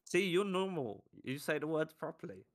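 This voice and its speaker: A man's voice: on the high side, sing-song, moderate pace. Blunt, swearing man in casual sports talk. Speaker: podcast co-host. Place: lives in Ohio.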